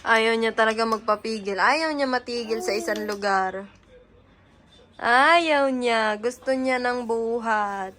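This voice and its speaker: A young woman talks baby talk to an infant at home, her voice high and ringing bright. She coaxes slowly and gently in a singsong lilt, often sinking to a hush. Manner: soft coaxing singsong, often hushed. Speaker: older sister babysitting a baby.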